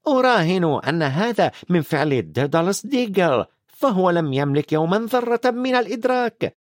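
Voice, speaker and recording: Strict older witch, done by a male reader, raised high voice, fretful, dry close sound. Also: very animated, normal speed, no room sound. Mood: impatient. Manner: sharp, impatient, fretful. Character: stern strict older witch professor, impatient.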